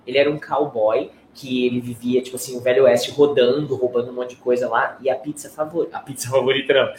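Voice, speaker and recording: A Brazilian man teaching a casual live English lesson, joking and quizzing with drawn-out prompts. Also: mid-range voice, little pitch movement, darkish tone. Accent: Brazilian Portuguese. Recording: echoey room with faint noise.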